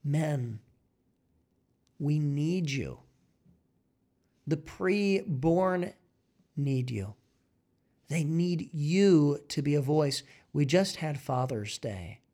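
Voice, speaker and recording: A man preaching a fiery sermon, exhorting forcefully with repeated phrases and rising emphatic peaks. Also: on the high side, lively intonation, very slow, long pauses.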